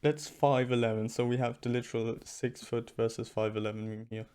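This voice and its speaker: A man's voice: mid-range voice, little pitch movement, a little fast, a little mellow, slight background noise. A young man from Serbia co-hosting a podcast, joking around in casual chat with lots of restarts. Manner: joking, restarts a lot, loose and playful. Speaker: podcast co-host.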